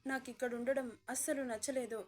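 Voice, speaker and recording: This is a storybook reading where a frightened young child bride pleads tearfully with her captor, as a woman puts her on. The voice sits a little high, the way a woman narrator would keep it while reading. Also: little pitch movement, brisk, a little mellow, close to an everyday voice. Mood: frightened pleading.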